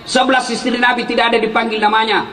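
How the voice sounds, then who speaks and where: Man, preacher, humorous sermon, joking storyteller, shouted punchlines, distant mic, echoey hall. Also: extremely high pitch, flat delivery, fast. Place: large hall with an audience.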